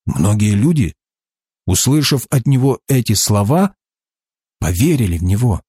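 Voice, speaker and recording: A man narrating a scripture reading in a measured way. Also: fairly low pitch, big pitch swings, dark tone, husky, no room sound, clean studio sound. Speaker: scripture reader.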